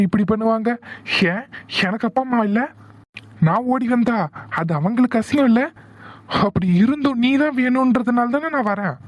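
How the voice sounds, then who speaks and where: A man voicing a hot-headed young man in a cartoon, insistent and quick to anger, then soothing his sweetheart. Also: fairly high pitch, dark tone, dry recording, close to an everyday voice. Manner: insistent, shifts from angry to soothing. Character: hot-tempered young man in love, teasing. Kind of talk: cartoon voice acting.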